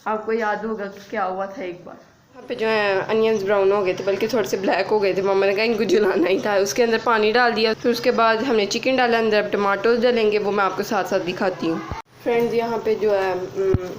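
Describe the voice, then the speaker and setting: A woman's voice: medium pitch, fairly even intonation, a little fast, low-quality recording. A young woman casually talking viewers through cooking in her home kitchen, chatty and giggly. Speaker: vlogger.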